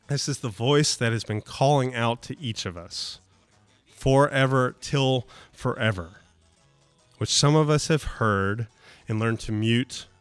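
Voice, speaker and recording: Man, pastor, sermon, medium-pitched voice, conversational, casual fillers, emphatic swells, soft slow asides.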